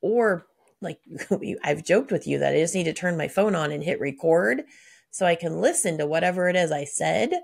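A woman co-hosting a podcast, answering questions with excitable stories and acting out her own thoughts in a chatty way. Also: fairly low pitch, moderate pace, vocal fry, breathy edge. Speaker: podcast co-host. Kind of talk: conversational podcast talk.

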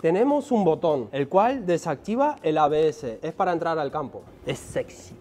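A man's voice: fairly high pitch, lively intonation, normal speed, background noise. A man in his thirties, vlogging with enthusiasm as he shows off his new motorcycle at a dealership, filmed close up on a handheld camera. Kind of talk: casual vlog. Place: motorcycle dealership showroom, indoors and on the street outside.

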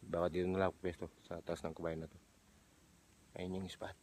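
A young man filming himself while spear-fishing outdoors, talking to his viewers in short, excited bursts. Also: low-pitched, a little fast. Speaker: fishing vlogger. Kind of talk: casual commentary while hunting fish. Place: outdoors in a thicket of bamboo by a pond. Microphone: action camera worn on the body. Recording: faint outdoor noise with insects.

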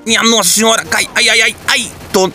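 A man giving excitable, exaggerated comedic commentary while playing a game, full of folksy slang. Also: sits high, a little fast, loud music behind the voice. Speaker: gaming comedy creator.

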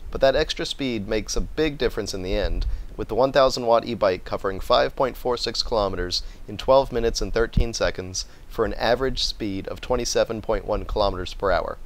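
A man's voice: fairly low pitch, a little fast, hardly any pauses. American man narrating a scripted explainer. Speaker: vlogger and product reviewer.

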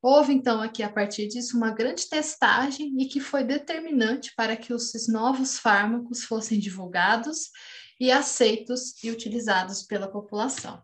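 At a normal speed and a fairly high pitch, a postdoctoral researcher in her thirties gives an online academic lecture from home, seen and recorded on a video call webcam. She has a Brazilian Portuguese accent and speaks hesitantly, with frequent restarts and fillers.

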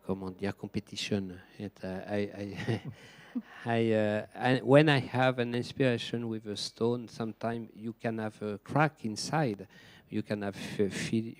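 A man with a French accent, a gem engraver answering questions in halting English and searching for words. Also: lowish voice, darkish tone, dry recording. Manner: hesitant, searching for words, many fillers.

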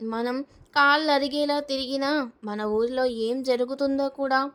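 A woman voicing a nosy middle-aged neighbor in a storybook reading, confiding in a low, careful way. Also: fairly even intonation, moderate pace, a bit bright.

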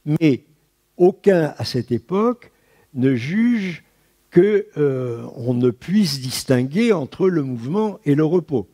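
Male lecturer, animated, swooping delivery, slightly raspy, talks an audience through ideas with asides. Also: on the high side, slow. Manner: explanatory with frequent asides. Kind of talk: public science lecture. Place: lecture at an astronomy festival.

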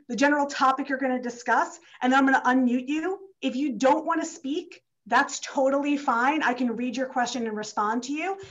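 A young woman with a fairly high voice hosts a town hall on a video call, talking in a loose, chatty way full of fillers and restarts. She sounds slightly out of breath. The audio is dull and lo-fi, as from a laptop call in an office. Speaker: state legislator hosting a virtual town hall. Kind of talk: casual opening remarks on a video call. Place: district office.

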